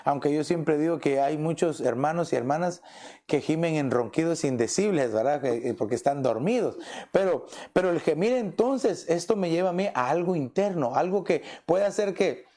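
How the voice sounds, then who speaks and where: A man's voice: a little high, expressive, moderate pace, warm tone. A man, a pastor, preaching a conversational sermon and often tossing in rhetorical questions. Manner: asks rhetorical questions, often adds "¿verdad?".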